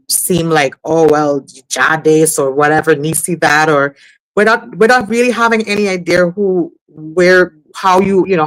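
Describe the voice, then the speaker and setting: A woman's voice: on the low side, dry recording, low-quality recording. Woman talking in dry sound. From US Virgin Islands. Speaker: talk show co-host. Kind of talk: casual conversational commentary.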